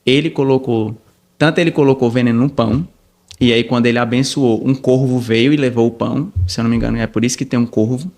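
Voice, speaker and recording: A man, a podcast guest telling a story in an animated, rambling way, with many restarts and quoted dialogue. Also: mid-range voice, quick pace. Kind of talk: casual storytelling.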